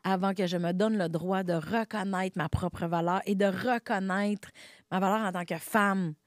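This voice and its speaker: A woman's voice: mid-range voice, fairly even intonation, normal speed, no echo. Québécoise lady gabbing away in an interview, jokey, lots of "tu sais", dry sound. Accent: Québécois French. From Quebec. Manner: chatty, laughing, self-deprecating, lots of fillers. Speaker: guest comedian. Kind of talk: casual interview conversation.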